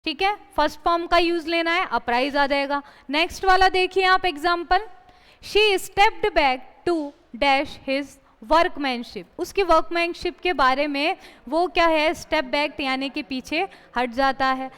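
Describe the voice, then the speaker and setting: Woman, high-pitched, exam-prep teacher, long reverb. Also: fairly even intonation, a bit bright. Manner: explains in Hindi, mixing in slow read-out English sentences; asks the class questions and answers them herself. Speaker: English teacher.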